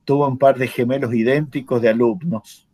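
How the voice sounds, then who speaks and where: A man's voice: medium pitch, steady tone, normal speed, dark tone, no echo. An older man with an Argentine accent, a former chemistry professor telling a story in a casual chat, acting out the dialogue with laughter and swearing. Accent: Argentine Spanish.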